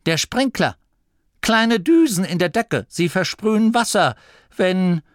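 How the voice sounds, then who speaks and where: A man's voice: expressive, slow pace, dry recording, studio quality. A man doing a flustered old gnome abbot. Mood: bewildered. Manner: flustered, stammering, high-pitched. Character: old anxious male gnome abbot, pompous. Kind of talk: audiobook character voice.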